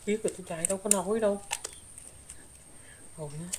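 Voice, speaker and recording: A woman's voice: medium pitch, fairly even intonation, fast talker, mellow, slight background noise, natural voice. A woman playing a rambling, remorseful young ghost with a southern Vietnamese accent. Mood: rueful telling. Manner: rambling storytelling with filler particles. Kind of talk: spirit possession drama.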